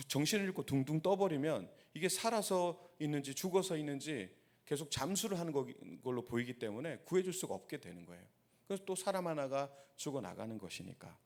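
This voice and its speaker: A man's voice: mid-range voice, a little mellow. Pastor, male, mid-range voice, preaching a sermon to his church and drawing listeners in with questions. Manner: storytelling with rhetorical questions to the congregation. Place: church sanctuary.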